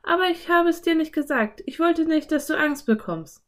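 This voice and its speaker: A woman voicing a lively, curious little girl in an audiobook, with high, eager, quick exclamations.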